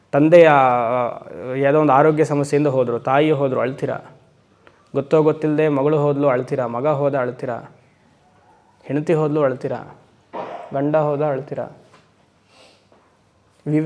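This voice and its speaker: A swami teaching Vedanta to a class. He keeps putting questions to his listeners and slows down for emphatic English phrases. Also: fairly high pitch, darkish tone. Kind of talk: spiritual lecture to a class. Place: lecture hall.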